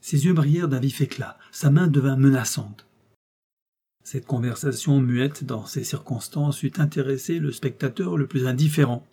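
A man narrating a classic adventure novel in the first person, with expressive, measured storytelling. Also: medium pitch, breathy edge. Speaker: audiobook narrator.

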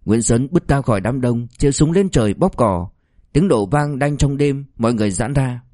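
A man narrating an audiobook in a steady storytelling manner, shifting into character voices. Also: mid-range voice, moderate pace, no echo, studio quality.

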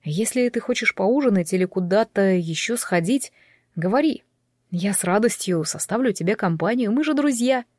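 A woman's voice: medium pitch, expressive, normal speed, a little mellow, no room sound, close to an everyday voice. Woman reading a playful, easygoing young man; no voice change, dry close mic. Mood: friendly. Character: cheerful young male manager, friendly teaser.

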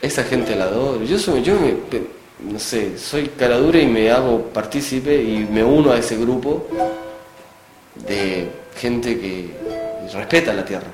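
A man with a Chilean accent hosting a casual radio chat, telling rambling anecdotes in a relaxed, chuckling way. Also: medium pitch, a little slow. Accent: Chilean Spanish. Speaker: radio show host. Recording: echoey room with music behind.

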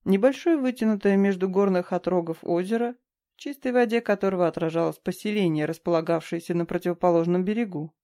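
A woman reading a novel aloud as an audiobook narrator, calm and even. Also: lowish voice, quick pace. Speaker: audiobook reader. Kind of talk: scripted narration.

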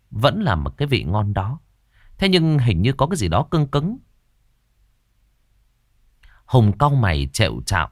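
Expressive male horror storyteller. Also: on the low side, no room sound, clean studio sound. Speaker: narrator. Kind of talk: dramatic horror story reading.

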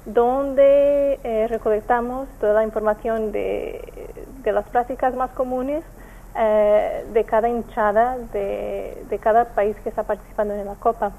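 A woman from Portugal with a Portuguese accent, speaking Spanish as a second language, answering interview questions with many pauses and fillers. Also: on the high side, steady tone, phone-quality sound, a little hiss or hum. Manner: hesitant, many fillers and restarts. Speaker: NGO representative.

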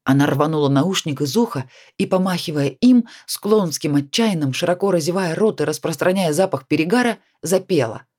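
A woman reading a novel aloud as narrator, in an even, measured way. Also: sits low. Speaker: audiobook narrator. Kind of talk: scripted narration.

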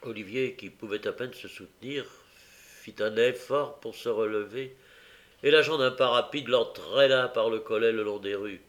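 A man reading a classic novel aloud as an audiobook, with dramatic, expressive narration. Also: medium pitch, normal speed. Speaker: audiobook reader.

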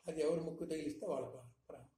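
A man giving a spiritual discourse, teaching with frequent rhetorical questions in a measured, emphatic manner. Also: on the high side, mellow. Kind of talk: satsang discourse. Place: hall in Hyderabad. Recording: echoey room, faint noise.

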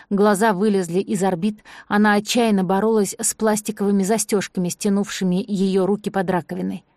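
Audiobook narrator, woman, warm low timbre, steady delivery, dry studio. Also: dry recording. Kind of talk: scripted narration.

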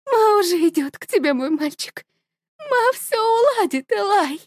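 A woman's voice: very high voice, sing-song, a little slow, no echo, studio quality, voice pushed up, full character voice. A woman voicing an unstable, grieving mother who stammers and sobs, in an audiobook reading. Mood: hysterical. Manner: sobbing, stammering, hysterical.

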